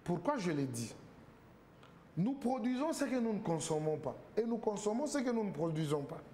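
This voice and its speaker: A man speaks as a talk show guest, his voice pitched a little high. He argues emphatically, firing rhetorical questions and stacking repeated words, with a faint hiss behind him. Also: big pitch swings, moderate pace, dark tone. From Congo. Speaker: political guest.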